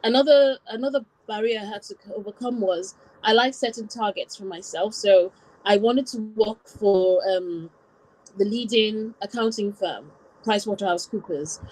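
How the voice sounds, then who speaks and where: A woman in an interview reflects on her past step by step, describing her Welsh birth and her upbringing in Nigeria from about age nine. Her voice is medium-pitched and a little mellow, at a moderate pace, on a rough recording.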